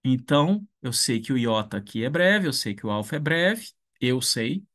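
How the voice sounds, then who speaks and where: A man teaching an online class, speaking slowly and thinking aloud, with frequent restarts and tag questions. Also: mid-range voice, animated, a bit bright. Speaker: ancient Greek teacher. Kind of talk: online lecture.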